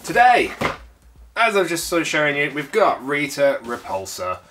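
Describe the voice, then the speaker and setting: Slight background noise accompanies a very animated man with a fairly high, fairly bright voice, speaking at a moderate pace. He hosts a toy collector channel and sounds stuffy from a cold as he casually unboxes a collectible, rambling and using frequent fillers.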